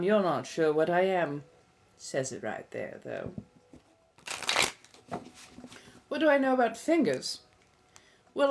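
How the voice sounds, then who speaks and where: On a livestream, a tarot reader plays an ancient vampire empress and tarot witch, chatting with viewers in a lowish female voice. Her affected posh British accent is coy and theatrical, and she lingers over each endearment. The mood is coy and playful.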